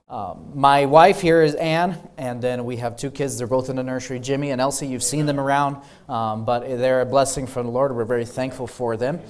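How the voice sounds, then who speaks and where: A young man who grew up in Peru gives an earnest missions presentation in a church, with frequent ums and apologies. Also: mid-range voice. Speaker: missionary speaker. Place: church sanctuary.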